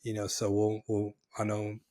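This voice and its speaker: A man co-hosting a casual podcast, a bit hoarse, talking with energy and calling his co-host brother. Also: on the low side, completely flat delivery, normal speed, mellow.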